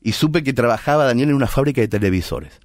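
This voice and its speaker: A man's voice: medium pitch, expressive, quick pace, no echo, clean studio sound. A middle-aged man with an Argentine accent telling a story in a playful, conversational way. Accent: Argentine Spanish. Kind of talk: storytelling monologue.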